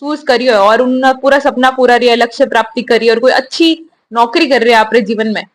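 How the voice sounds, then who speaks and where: A young woman, a new army officer, giving steady, earnest answers in an interview. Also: a little high, a little hiss or hum. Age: young adult.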